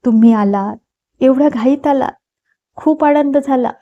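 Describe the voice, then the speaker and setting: A woman voicing a dignified older matriarch, speaking gently and motherly. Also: sits high, a little slow. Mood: kindly. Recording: dull lo-fi recording.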